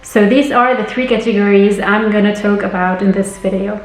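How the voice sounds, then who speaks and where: A woman's voice: mid-range voice, steady tone, normal speed, roomy sound, low-quality recording. A young woman from Lebanon giving travel tips in a friendly, explanatory scripted vlog. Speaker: travel vlogger.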